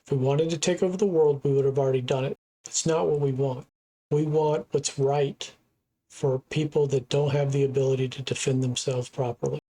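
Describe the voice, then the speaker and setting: A man's voice: medium pitch, dark tone. A middle-aged man from the United States hosting a reaction channel, making his points in a casual, earnest way and repeating them for emphasis.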